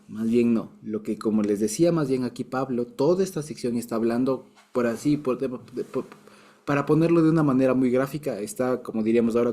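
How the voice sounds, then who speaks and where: A man's voice: mid-range voice, mellow. A man teaching a casual Bible lesson, explaining patiently with restarts and light chuckles.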